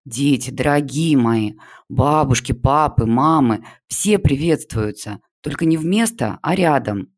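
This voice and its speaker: A man's voice: medium pitch, animated, measured pace, natural voice. A man voicing an eager, fussing woman class teacher who coaxes her pupils in a story reading. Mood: coaxing. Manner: coaxing, gushing.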